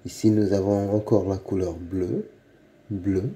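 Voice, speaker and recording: A man giving a slow phonics reading lesson for young children, saying each word several times over. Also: sits low, flat delivery, dark tone. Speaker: reading teacher.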